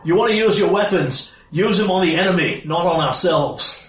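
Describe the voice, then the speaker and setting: A man voicing a forceful character who steps in to stop a fight and orders people to stand down. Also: sits high, expressive, normal speed, voice pushed up. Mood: commanding, stern. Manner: forceful, raised commanding voice. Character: commanding man stepping in to stop a brawl. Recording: echoey room, far mic, faint noise.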